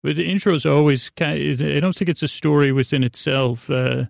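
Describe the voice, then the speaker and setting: A man hosts a sleep podcast, his creaky, lulling voice a little high and steady as he rambles through a meandering, halting bedtime monologue that keeps interrupting itself. The recording is dry and studio quality.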